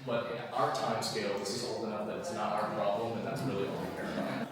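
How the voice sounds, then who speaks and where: A man's voice: lowish voice, little pitch movement, fast. A man working as a cave tour guide, talking informally to a group with dry jokes. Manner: dryly joking. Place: inside a show cave. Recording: very echoey cave with crowd chatter. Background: tour group voices.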